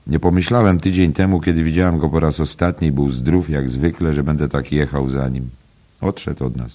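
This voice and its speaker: A man voicing a soft-hearted male mourner with a gentle, sorrowful manner, in an audiobook reading. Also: extremely low pitch, steady tone, moderate pace.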